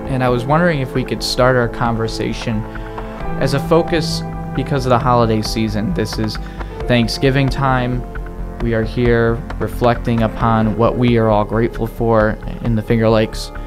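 Male news reporter and interviewer, measured and earnest, mid pitch, music playing underneath. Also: steady tone. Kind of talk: scripted intro, then interview questions.

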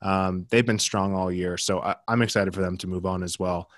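This young co-host from the United States has a low, steady voice and talks at a moderate pace. He goes over basketball results in loose podcast chat, full of fillers and false starts, recorded clean in a studio with no echo.

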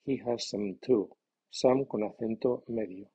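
A man teaching a grammar lesson in a measured, scripted way, reading example sentences slowly. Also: fairly low pitch, breathy edge. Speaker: language teacher. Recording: dull lo-fi sound.

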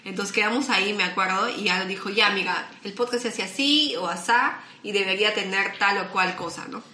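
Bright-voiced Peruvian woman telling stories. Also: medium pitch, a little fast, echoey room. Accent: Peruvian Spanish. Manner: animated storytelling, acts out quoted dialogue. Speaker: podcast guest, food content creator. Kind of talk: casual interview chat.

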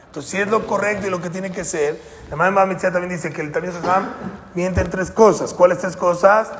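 A man teaching a Torah class as a rabbi, animated and constantly asking his listeners yes-or-no questions. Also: sits high, fairly quick. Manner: animated, keeps quizzing listeners with "sí o no". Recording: echoey hall with faint noise.

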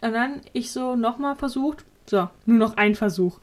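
A young woman co-hosting a casual podcast chat, telling stories in lively colloquial talk and acting out the people she quotes. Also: on the high side, moderate pace. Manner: animated storytelling, acting out quoted voices; colloquial, frequent "ne?" tags. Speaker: podcast co-host.

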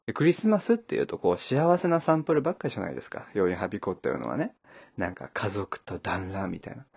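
A man's voice: on the low side, a little mellow, slightly rough. A man hosting a casual solo podcast from home, rambling with many fillers and laughing often. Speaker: podcast host. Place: at home, wrapped in a blanket.

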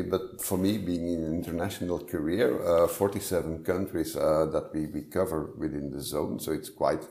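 A middle-aged man from Flanders with a Flemish accent, speaking as a podcast guest in a measured, hesitant way with many fillers. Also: deep voice, vocal fry, mellow, echoey room. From Flanders, Belgium. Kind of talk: casual interview talk.

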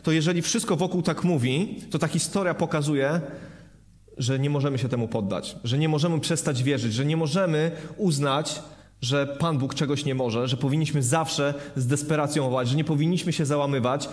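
A man's voice: on the high side, moderate pace, darkish tone. A man preaching a sermon, earnest, repeating phrases for emphasis and putting rhetorical questions to his listeners.

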